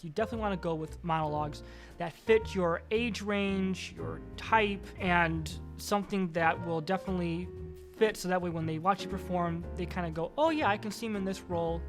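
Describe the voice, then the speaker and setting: A man hosting his own vlog, giving friendly, encouraging advice on acting as an instructional talk. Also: high-pitched. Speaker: acting coach vlogger.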